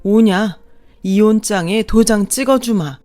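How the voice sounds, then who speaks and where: A woman narrator voicing a fierce, long-suffering older mother-in-law who scolds forcefully. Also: medium pitch, measured pace, soft background music, lightly acted. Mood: furious.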